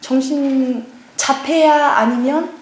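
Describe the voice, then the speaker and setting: High-voiced woman telling her testimony. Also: takes it slowly. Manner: lively storytelling, acting out past conversations. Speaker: pastor's wife giving a testimony. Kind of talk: personal testimony at a church seminar. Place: church seminar hall. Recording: echoey church hall.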